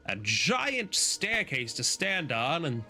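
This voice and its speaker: A man streams a game with casual commentary, rambling, joking, laughing, and swearing now and then. His fairly high, sharp-toned voice swings widely in pitch at a slow pace, with faint music in the background.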